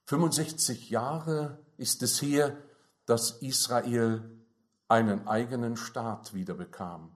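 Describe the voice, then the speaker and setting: A man preaching a sermon, slow and emphatic, his fervor rising on key phrases. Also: mid-range voice.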